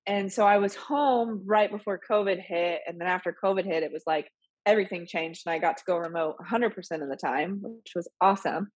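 A podcast guest in her thirties speaks fairly quickly at a fairly low pitch, sounding a little sick and nasal. Her casual interview chat rambles along with lots of fillers and laughter, and the recording has no echo.

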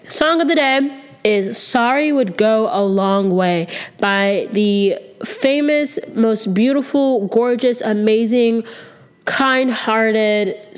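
This casual solo podcast features its host, a woman in her twenties, rambling openly with plenty of ums close to the mic. Slightly sick, she sounds a little nasal, though her voice is clear and resonant and on the high side.

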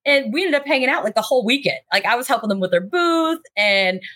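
Chatty woman on a podcast, bright punchy voice, tells stories real casual, swears a bit. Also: fairly high pitch, animated, quick pace. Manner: chatty, informal, swears freely. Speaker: podcast guest. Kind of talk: casual chat, animated storytelling.

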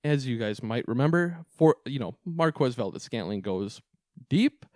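A man's voice: medium pitch, animated, normal speed, a little mellow, no room sound, clean studio sound. A man co-hosting a sports podcast, talking in a casual, rambling way with frequent restarts. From Minnesota. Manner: rambling, restarts often, laughs easily. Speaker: podcast co-host.

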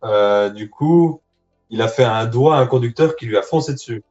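A man talks over a phone line from a handset lying on his lap, so his voice comes through dull and lo-fi. Faint music plays underneath. He speaks in a middle pitch, casual and hesitant, thinking aloud with plenty of fillers. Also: moderate pace, a little mellow. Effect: heard over a phone line. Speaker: co-host guessing in a radio game. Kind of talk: casual live web-radio banter. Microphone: phone lying on his lap, away from his mouth.

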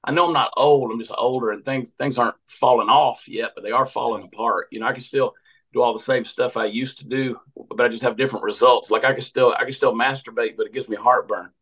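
A man's voice: mid-range voice, steady tone, a little fast, fairly bright tone, husky, poor audio. Folksy fifty-year-old Southern man. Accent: Southern American. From Georgia, USA. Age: 50s. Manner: folksy, joking, rambling with restarts. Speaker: comedian and podcast host. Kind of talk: casual storytelling chat.

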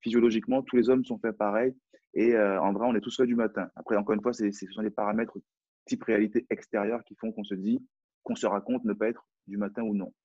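A French-accented man with a low, dark and husky voice talks through his routines in a relaxed, halting way, full of fillers and restarts. The sound is dull and dry, like a lo-fi live call. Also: no echo. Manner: hesitant, many fillers and restarts. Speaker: personal development coach. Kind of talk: casual live discussion.

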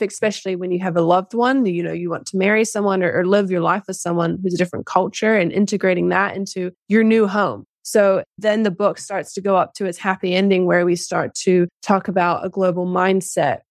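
A woman's voice: lowish voice, no room sound, clean studio sound. A young woman, co-author of a book, giving long explanatory interview answers with many restarts. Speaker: co-author guest.

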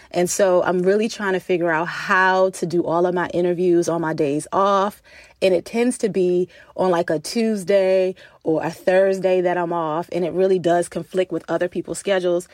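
Brief: female podcast host, chatty and informal, slightly low voice, close dry closet recording. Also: dry recording. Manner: chatty, informal, laughs while talking. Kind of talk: casual solo podcast talk.

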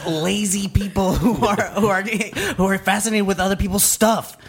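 A man's voice: high-pitched, fairly even intonation, moderate pace, husky, pitched above the performer's own voice. A man playing an exasperated burglar who scolds lazy partners in an improvised comedy sketch. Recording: noticeable background noise.

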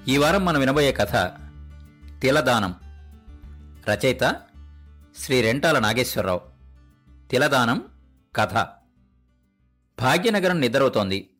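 A man hosting an audio story show, reading a short story in a measured, deliberate way with long pauses. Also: mid-range voice, sing-song, a bit bright, soft background music. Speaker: storyteller host. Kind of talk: dramatic story narration.

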